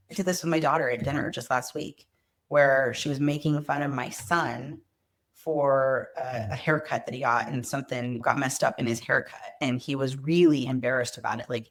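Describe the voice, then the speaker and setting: Earnest woman guest telling candid stories. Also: rumbling low. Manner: reflective, earnest, quotes herself and family with vivid emphasis. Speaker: guest, company executive. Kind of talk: podcast interview, candid storytelling.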